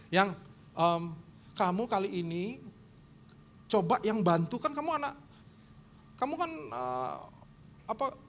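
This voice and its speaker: High-voiced lively male preacher. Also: a little hiss or hum. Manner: animated storytelling, acting out quoted voices with big pitch jumps. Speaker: pastor. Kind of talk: sermon with acted anecdotes.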